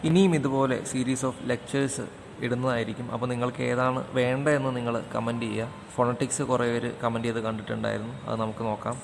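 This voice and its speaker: Gravelly-voiced male lecturer in a reverberant room. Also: mid-range voice. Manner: methodical, spelling words out letter by letter. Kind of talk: explanatory lecture. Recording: long reverb, faint background noise.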